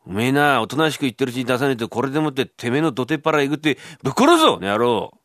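Male rakugo teller as a blustering burglar, gruff, old Tokyo accent, loud and lively. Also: medium pitch, rapid-fire, no room sound, studio quality, voice pushed up. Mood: threatening. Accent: old Tokyo downtown speech. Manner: gruff, shouting threats, rough slang. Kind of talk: rakugo storytelling. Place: radio studio.

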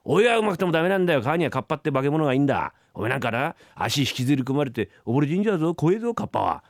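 A man voicing a gruff, grumbling father in a rakugo story, cursing at his son. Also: fairly high pitch, very animated, rapid-fire, no room sound, clean studio sound. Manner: gruff, grumbling and curse-laden.

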